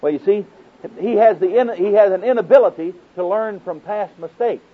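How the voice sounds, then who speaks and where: A high-voiced man at a moderate pace gives a folksy sermon, teaching through scripture quotations and questioning his listeners. He's from Oklahoma, United States, and has the accent to match. The recording is muffled and narrow, much like a phone line.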